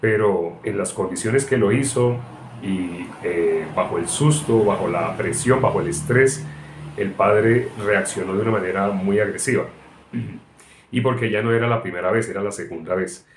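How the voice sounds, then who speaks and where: A man's voice: on the low side, moderate pace. A man teaching from the Bible, working through a long everyday example with frequent "eh" hesitations. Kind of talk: sermon-style Bible teaching. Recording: roomy echo, faint background noise.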